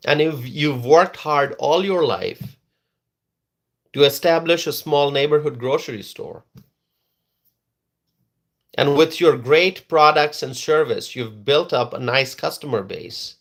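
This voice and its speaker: Speaking slowly with long pauses, this man has a slightly high, animated voice. A political commentator and native Bengali speaker, he gives a forceful opinion monologue and repeats words to drive his points home.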